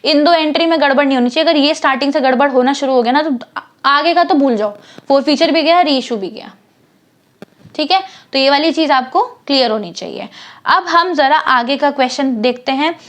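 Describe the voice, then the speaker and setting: A woman with a Hindi-speaking North Indian accent teaches an accountancy class. Her voice sits high, and she walks through each step, often pausing to check that students are with her. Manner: explains step by step with frequent checks like "theek hai"; acts out short scolding asides to shareholders. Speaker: commerce teacher. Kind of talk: classroom lesson.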